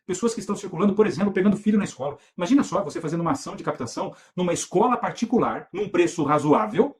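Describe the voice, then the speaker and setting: A middle-aged Brazilian man teaching an online course lesson, emphatic and energetic, with frequent rhetorical questions. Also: sits high. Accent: Brazilian Portuguese. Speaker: real estate sales instructor.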